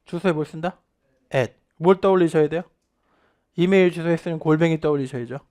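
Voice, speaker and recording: A man in his thirties teaching in an online test-prep lecture, energetic and drilling phrases for repetition while swinging his pitch and loudness for emphasis. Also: brisk. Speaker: English teacher.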